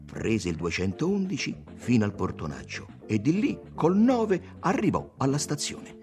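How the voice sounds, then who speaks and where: A man giving a theatrical, expressive reading of a literary novel on a studio mic. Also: mid-range voice, a little slow, soft background music. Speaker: audiobook reader.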